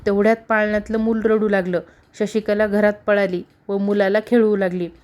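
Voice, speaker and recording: A woman storyteller reading a folk tale aloud at a steady, even pace. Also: mid-range voice, moderate pace.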